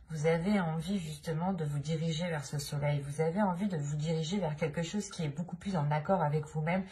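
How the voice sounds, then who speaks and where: Giving a tarot reading to camera, a woman with a French accent gropes for words, filling pauses and restarting her sentences often. Her voice is low-pitched and warm.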